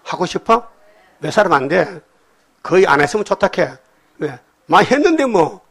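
A man preaching to his congregation, reading scripture aloud and breaking it down in blunt, everyday talk. He keeps prodding his listeners with quick questions. His voice leaps into loud emphatic bursts, then sinks into low murmured remarks. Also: big pitch swings, slightly rough. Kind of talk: sermon. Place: church hall with congregation.

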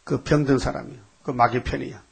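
A man's voice: medium pitch, fairly even intonation, fast, vocal fry, slightly rough. A man preaching a sermon in a conversational, emphatic way, often throwing rhetorical questions at his listeners.

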